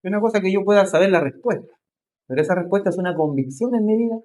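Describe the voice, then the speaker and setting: A male pastor preaching a sermon, rising into emphatic questions and slowing to stress key phrases. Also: high-pitched, lively intonation, a little mellow.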